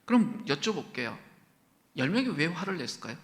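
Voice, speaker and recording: A man's voice: fairly high pitch, big pitch swings, a little fast. A male pastor preaching a sermon, asking his congregation questions and acting out quoted lines, sometimes dropping to a whisper. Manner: asks the congregation many questions, acts out quoted speech, drops to a whisper. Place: church sanctuary. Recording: church hall reverb.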